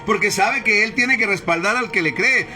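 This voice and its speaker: A male pastor delivers a sermon in a high voice with a bright, forceful edge. He preaches emphatically, repeating key phrases to drive them home. Quiet music runs underneath. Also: moderate pace. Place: church service, streamed live.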